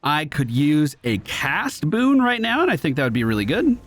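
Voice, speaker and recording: This slightly high-voiced streamer swoops wildly in pitch as he jokes his way through a video game at a moderate pace, his tone a bit bright. He keeps up relaxed running commentary, coaching himself along, while game music plays.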